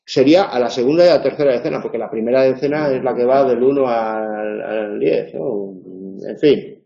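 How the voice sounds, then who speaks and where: Male lecturer, chatty and wry with lots of fillers, mellow voice in an echoey room. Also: medium pitch, moderate pace, gravelly. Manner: chatty, wry asides, many fillers and restarts. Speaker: university lecturer. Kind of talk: informal tutoring lecture. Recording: dull roomy classroom recording.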